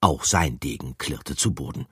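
A man reads a children's story aloud in a low, slightly husky voice. He takes his time and lets his tone rise and fall lively through each sentence. The recording is close and dry. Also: no echo. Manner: expressive, unhurried storytelling. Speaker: narrator.

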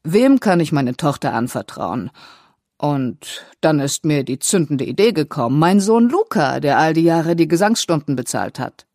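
Narrator doing gruff old italian dad, blustery but fond, low gravelly voice, dry close sound. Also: big pitch swings, moderate pace, darkish tone, no echo. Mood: proud. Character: gruff older Italian father, café owner, warm-hearted.

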